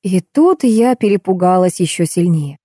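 A woman narrating a comic detective audiobook in the first person, with a lively, expressive delivery. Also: on the low side, moderate pace, no room sound, clean studio sound.

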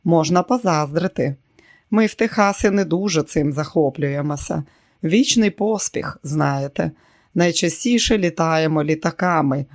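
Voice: unhurried, natural voice. A reader voicing a jovial Texan oil tycoon in an audiobook, speaking in a hearty manner. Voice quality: booming, laughs loudly. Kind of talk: audiobook character reading.

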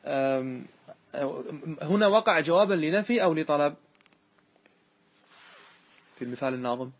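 Husky sheikh teaching grammar. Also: male voice, on the high side, lively intonation, moderate pace, muffled recording. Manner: explains step by step, quizzing students and repeating examples. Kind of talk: classroom grammar lesson.

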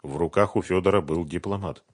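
A man reading a crime thriller audiobook in a steady, even storytelling manner. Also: sits low, brisk, dry recording, studio quality. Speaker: audiobook narrator. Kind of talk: scripted narration.

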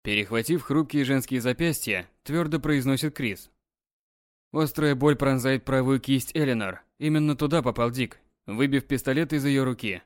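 A man reads an audiobook aloud in an even, dramatic storytelling manner. His voice sits at a medium pitch. The recording is dry and close, with no echo. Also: normal speed. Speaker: narrator. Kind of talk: scripted audiobook narration.

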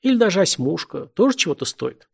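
An earnest, naive young man, easily startled and quick to get excited, as a male narrator puts him on. The reading keeps a gravelly, slightly husky texture. A literary audiobook figure with an innocent, impassioned way of talking. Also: high voice, voice pushed up, exaggerated voice. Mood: heated.

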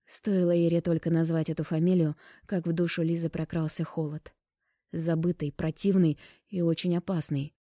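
A woman narrating a romance novel as an audiobook in a calm, even storytelling manner. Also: sits low, moderate pace, dry recording, studio quality.

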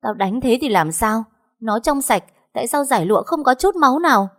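A harsh older mother-in-law scolds at the top of her voice, as a woman narrator puts her on. Her pitch jumps high and loud as she rages. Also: big pitch swings, fairly quick. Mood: furious. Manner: shouting, scolding.

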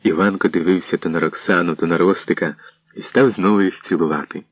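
Husky low-voiced male narrator. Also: fairly quick, no echo. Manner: steady storytelling. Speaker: audiobook narrator. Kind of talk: scripted narration. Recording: dull lo-fi recording.

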